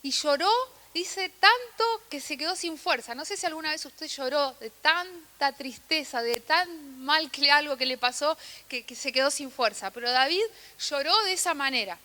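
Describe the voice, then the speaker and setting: A young woman preaching with a Rioplatense Spanish accent, her voice high and bright. She swings her pitch widely and leans hard on key phrases, breaking into friendly asides. It sounds like a lively, personal sermon. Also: moderate pace, big-room sound. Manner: animated, emphatic, sprinkled with asides and laughter.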